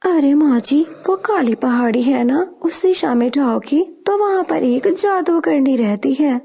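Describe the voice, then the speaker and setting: Sly crow gal, a woman voicing her, flattery in a high raspy voice. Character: young female crow, sly schemer.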